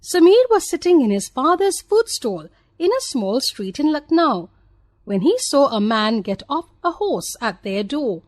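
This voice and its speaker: A woman with an Indian English accent reading a textbook story aloud in a clear, expressive, measured way. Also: high voice, dry recording. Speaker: textbook audio narrator.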